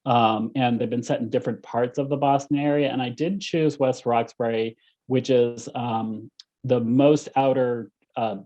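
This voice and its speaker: A man author in a panel talk, speaking hesitantly with many pauses and restarts. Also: medium pitch, fairly even intonation, mellow. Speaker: author guest. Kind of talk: panel discussion. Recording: muffled lo-fi audio.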